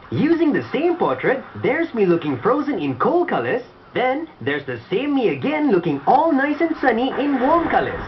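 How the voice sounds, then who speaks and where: A woman's voice: fairly high pitch, highs cut off, slight background noise. A woman voicing a cheerful talking coconut palm who paints.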